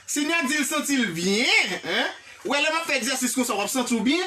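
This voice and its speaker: An English teacher with a Haitian accent giving a live online lesson, animated and repetitive, often checking in with the class and praising viewers by name. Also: high-pitched, a little fast, far from the mic, a little hiss or hum. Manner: animated, repetitive, checks in with "hein?" and "vous comprenez?".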